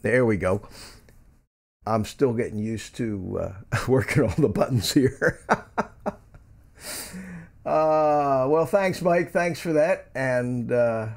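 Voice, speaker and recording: Speaking slowly with long pauses, the seventy-something Philadelphia host has a mid-range, slightly mellow voice. On his casual morning livestream he meanders, restarting often and saying um a lot, while reading and answering viewers' messages.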